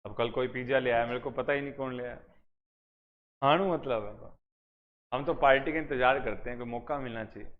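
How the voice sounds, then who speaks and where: A man's voice: medium pitch, brisk, pauses often, phone-quality sound. A man teaching a class in a coaching center, asking and answering his own questions as he explains. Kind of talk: classroom lecture. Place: classroom with students.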